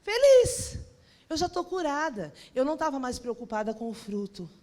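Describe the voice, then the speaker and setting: A woman pastor, telling a personal story in an animated sermon that swings from soft to loud. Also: high-pitched, fairly quick. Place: large church auditorium, on stage. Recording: long reverb of a large hall.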